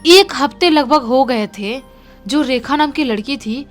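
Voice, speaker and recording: A woman's voice: high voice, measured pace, soft background music. Woman telling a horror story casually. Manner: conversational, repeats for emphasis.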